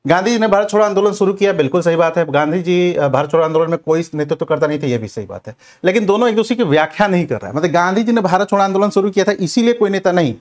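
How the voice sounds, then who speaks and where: A history teacher for competitive exams runs a question-and-answer revision class, speaking straight to his students and repeatedly checking in with tags. His high voice has lively intonation and he talks very fast with few pauses.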